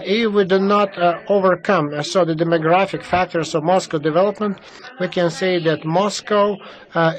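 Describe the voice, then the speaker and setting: Male simultaneous interpreter, fairly high pitch, halting delivery full of fillers. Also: poor audio. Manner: halting, many fillers and restarts. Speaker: conference interpreter.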